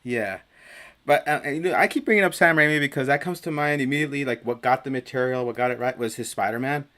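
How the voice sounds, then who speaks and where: A man hosting a casual podcast, rambling in a loose, animated way about movies. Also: medium pitch, fast. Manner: rambling, animated, breaks into quoted voices. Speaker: podcast host. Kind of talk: casual chat.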